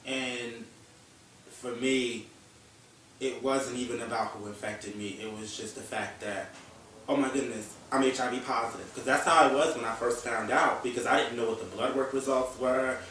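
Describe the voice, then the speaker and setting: A young man in his early twenties, a guest on a panel chat show, speaks candidly and emotionally and swears now and then. His mid-range voice is a bit bright, with fairly even intonation and a moderate pace. The distant mic catches an echoey room and a little hiss or hum.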